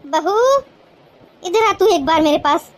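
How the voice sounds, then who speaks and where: A woman's voice: extremely high pitch, a little slow, background noise. A woman voicing a doting mother-in-law in a cartoon who fusses over one daughter-in-law and scolds the other. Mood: stern. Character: doting mother-in-law, quick to take sides. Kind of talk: cartoon voice acting.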